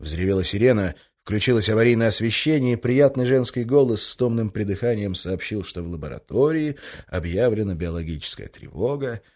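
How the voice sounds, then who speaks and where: Male narrator, fairly low voice, audiobook reading, brisk, tense. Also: a little mellow. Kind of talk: scripted narration.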